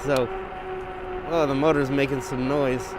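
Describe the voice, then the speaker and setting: A man's voice: medium pitch, level tone, measured pace, music in the background. A man speaking through a balaclava in a casual, hesitant bike vlog, thinking aloud as he rides, his voice slightly muffled. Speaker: bike vlogger. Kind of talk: casual vlog chat while riding. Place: outdoors, riding an electric bike on a trail. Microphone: gimbal camera or lapel mic with windscreen. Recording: outdoor wind, motor and traffic noise.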